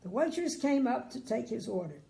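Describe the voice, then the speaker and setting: A sweet older woman reading a children's bedtime story aloud in a gentle, grandmotherly way, with chatty asides. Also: a little high, very animated, normal speed, vocal fry.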